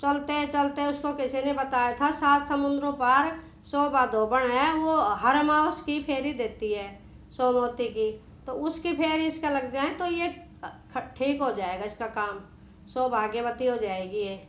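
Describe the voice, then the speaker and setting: High-voiced woman telling a devotional tale. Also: measured pace, fairly bright tone. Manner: homely, repetitive, conversational. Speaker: storyteller. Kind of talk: devotional folk tale narration. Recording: echoey room.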